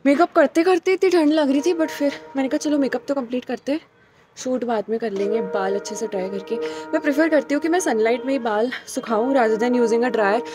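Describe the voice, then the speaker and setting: A woman's voice: high voice, brisk, over music. A young woman chatting casually to camera in a vlog, mixing in English phrases. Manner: chatty, mixes English phrases into her talk. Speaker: vlogger.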